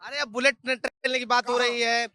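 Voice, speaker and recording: Reporter guy poking at people on the street, high bright voice, dry sound. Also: flat delivery, fairly quick, dry recording. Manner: probing, challenging questions. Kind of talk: street vox pop interview.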